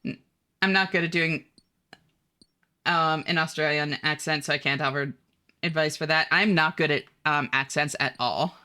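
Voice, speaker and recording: With a low voice, sharp tone, and moderate pace broken by frequent pauses, a woman streams a game and answers her viewers. She reads their messages out, chatting in an upbeat, casual way filled with "like," "um," and the odd swear.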